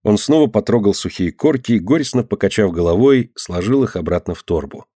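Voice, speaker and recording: A man narrating an audiobook in an even, measured storytelling voice. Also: fairly low pitch, breathy edge, no room sound, studio quality.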